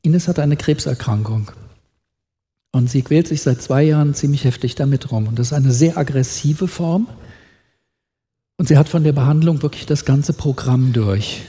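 German preacher in a reverberant church hall. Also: male voice, medium pitch, normal speed, warm tone. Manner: reads scripture with rising emotion, asks the congregation questions. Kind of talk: sermon.

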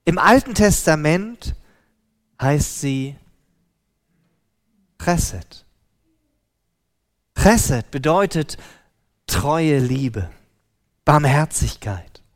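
Slow, deliberate preacher man. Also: fairly high pitch, lively intonation. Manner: slow and deliberate, with emphatic pauses. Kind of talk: sermon.

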